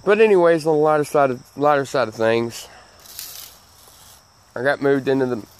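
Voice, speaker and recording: Southern guy w missing front teeth ranting to his channel, folksy, repeats himself, normal pitched voice. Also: lively intonation, normal speed, clear, resonant tone. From Southern United States. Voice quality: missing front teeth, slightly slurred sibilants. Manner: folksy, emphatic, repeats phrases. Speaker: channel host. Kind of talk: casual opinion rant to camera.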